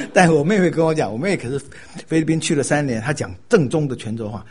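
An older man from Taiwan, giving a sermon with animated storytelling and laughing at his own jokes. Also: a little high, quick pace, husky.

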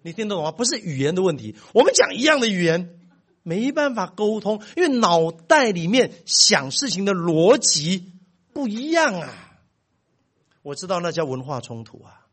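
Husky-voiced, animated middle-aged male pastor. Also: high-pitched, moderate pace. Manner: animated storytelling with big swings in loudness. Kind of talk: sermon.

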